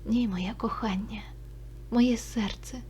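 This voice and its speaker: A woman voicing a tender, sorrowful young Cossack man in a hushed, whispered role-play, dropping her voice low and soft. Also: fairly even intonation, slow, breathy edge, full character voice.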